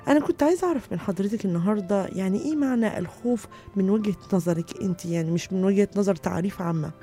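An Egyptian woman hosts a talk show with a quick pace and a warm, mellow tone. She addresses her guest politely and formally. Soft music plays underneath. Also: medium pitch. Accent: Egyptian Arabic. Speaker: host.

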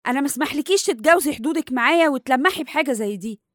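A woman's voice: sits high, expressive, racing, dry recording, clean studio sound. A woman playing a prim older Egyptian lady, huffy and scolding, in a radio comedy serial. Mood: indignant. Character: prim, indignant older Egyptian lady guarding her dignity.

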